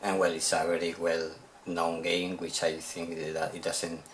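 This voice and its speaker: In this casual unboxing vlog, a video game collector from Spain presents his latest purchases in English, a Spanish speaker with a Spanish accent. His voice is low-pitched and monotone, and he frequently pauses and repeats words as he looks for them, with slight background noise.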